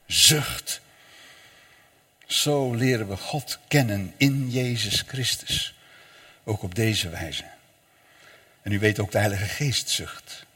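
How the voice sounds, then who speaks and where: A man's voice: medium pitch, fairly bright tone, husky. A man preaching a solemn sermon to his congregation from the pulpit, his voice rising and falling dramatically. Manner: slow, solemn preaching with dramatic rises and falls. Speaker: pastor. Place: church. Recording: echoey church hall.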